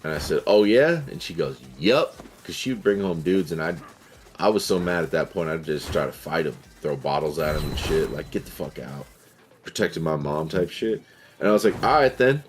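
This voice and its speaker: A man's voice: very deep voice, a little fast, slight background noise. A man in his forties telling long, profane stories in casual chat while he streams a game. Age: 40s. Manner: profane, rambling storyteller who acts out voices.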